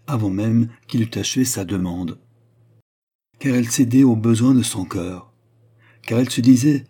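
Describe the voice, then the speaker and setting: Low, husky male audiobook narrator. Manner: measured, expressive reading. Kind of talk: literary narration.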